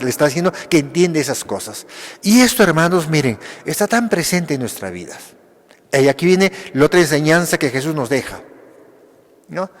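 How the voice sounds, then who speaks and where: A man, a Capuchin priest, preaching a Sunday homily, asking rhetorical questions and answering them himself in short phrases. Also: a little high. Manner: speaks in short phrases with pauses. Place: church. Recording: long church reverb.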